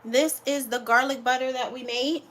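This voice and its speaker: A woman's voice: high voice, steady tone, moderate pace, fairly bright tone, a little hiss or hum. A woman home cook on a live cooking stream, chatting casually with viewers and calling them honey and guys.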